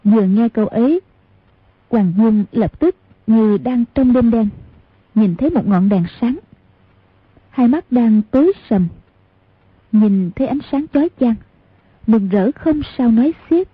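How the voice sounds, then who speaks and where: Audiobook narrator: woman, very husky, tinny phone-like sound, measured reading. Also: a little high, no echo. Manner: even, measured reading, voicing each character. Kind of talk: scripted storybook narration.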